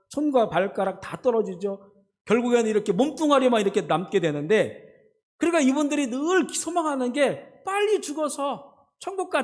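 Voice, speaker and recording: A man's voice: high-pitched, darkish tone. A man preaching a sermon as pastor, talking conversationally and asking the congregation questions. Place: church sanctuary. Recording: long church hall reverb.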